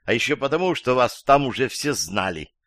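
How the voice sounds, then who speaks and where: Man doing a raised, shrill old woman witness, suspicious and excitable, dry close audiobook sound. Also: brisk, dry recording. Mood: agitated. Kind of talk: audiobook character voice.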